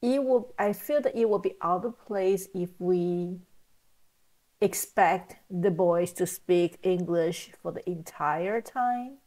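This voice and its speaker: A middle-aged woman giving casual reaction commentary, speaking in a halting, reflective way and often rephrasing herself. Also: lowish voice, dark tone, rough recording. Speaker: reaction video host.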